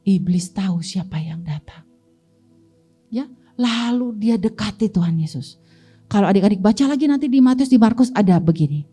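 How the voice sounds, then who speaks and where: Lively woman teaching kids a bible story. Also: mid-range voice, normal speed, slightly rough, faint music behind. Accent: Indonesian. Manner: lively, asks the children questions and answers them. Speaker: Sunday school teacher. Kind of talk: children's Bible story lesson.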